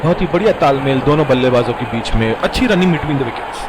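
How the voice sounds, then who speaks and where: A man's voice: mid-range voice, expressive, fairly quick. A man giving cricket commentary on each play. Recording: loud crowd roar and heavy noise. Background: loud crowd noise.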